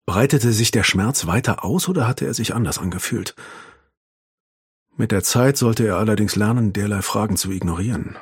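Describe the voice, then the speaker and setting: A man narrating a literary novel in an expressive, measured storytelling manner. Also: lowish voice, breathy edge, dry recording, studio quality. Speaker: audiobook narrator.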